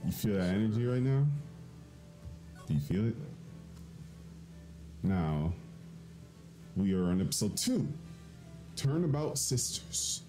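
A man's voice: lowish voice, sing-song, slow, long pauses, warm tone, soft background music, rough recording. A young man casually hosting a video game let's play, hyped and joking with slangy talk.

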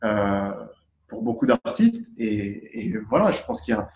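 A man's voice: mid-range voice, very animated, a little slow, creaky, a little mellow, slight background noise. A man from Tunisia answering interview questions as a guest artist, thoughtful and searching for his words. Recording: roomy echo.

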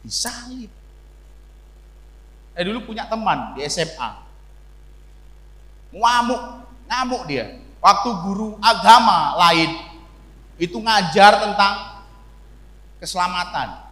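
A man with an East Javanese accent preaching to a youth service, asking questions and answering them himself, swinging between loud and quiet. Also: high-pitched, lively intonation, slow, pauses often. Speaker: pastor. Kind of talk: sermon. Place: church hall. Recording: echoey church hall.

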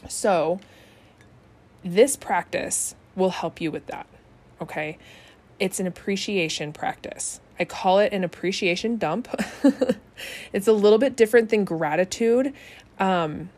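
A woman giving a casual self-help talk, chatty and quick to laugh, often checking in with "right?". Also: mid-range voice, a little mellow. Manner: laughs easily.

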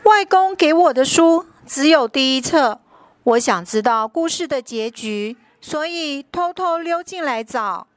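A little girl from a storybook, acted by a woman, high-pitched and slow, pleading in a tearful, earnest way. She speaks with childlike simplicity, as in a picture book read to small children. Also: expressive, no echo. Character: tearful young girl searching for a book's ending.

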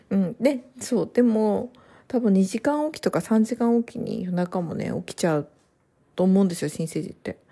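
Mellow-voiced woman chatting casually. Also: mid-range voice, slightly rough. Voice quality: soft, chatty, with frequent fillers and pauses. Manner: trails off in long run-on sentences. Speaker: vlogger and new mother. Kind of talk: casual chat to camera.

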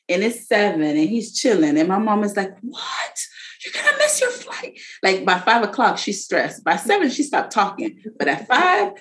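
Playful young woman podcast co-host. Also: medium pitch. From Haitian family. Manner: playful, mock-incredulous questions, laughing. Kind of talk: casual podcast chat.

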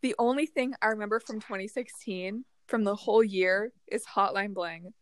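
A young woman co-hosting a podcast, chiming in with quick playful quips. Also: medium pitch, no room sound. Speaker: podcast co-host and editor. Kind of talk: casual chat.

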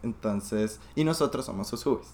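A man's voice: medium pitch, moderate pace, darkish tone. A young man co-hosting a casual chat, playful and joking in asides. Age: young adult. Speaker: podcast co-host.

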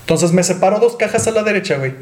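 A man's voice: high-pitched, lively intonation, racing, reverberant. A young man telling a rambling childhood story to friends, often embarrassed and laughing at himself. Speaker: podcast co-host. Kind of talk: casual storytelling among friends.

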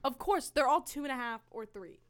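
A woman in casual chat, giggly and expressive, often laughing as she reads and reacts to stories. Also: high voice, brisk. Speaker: co-host.

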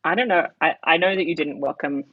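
An Australian-accented host reminiscing with an old friend in easy, playful chat. The talk is full of restarts and gentle teasing. The recording sounds dull and lo-fi, and the voice sits at a middle pitch. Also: fast. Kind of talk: casual chat.

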